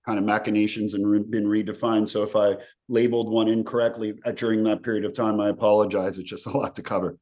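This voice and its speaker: A man's voice: lowish voice, flat delivery, fast, few pauses, darkish tone. A man from the former Yugoslavia, a film director, answering interview questions in an earnest, reflective, run-on manner.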